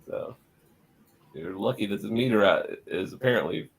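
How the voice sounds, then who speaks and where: A man's voice: lowish voice, animated, normal speed, vocal fry. A man working as game master, casually narrating a tabletop game and asking players for their moves.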